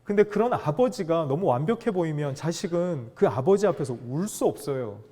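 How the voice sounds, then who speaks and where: A middle-aged man giving a lively lecture to fathers, acting out dialogue and asking the audience questions. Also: a little high, normal speed. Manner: animated, acts out dialogue, asks audience questions.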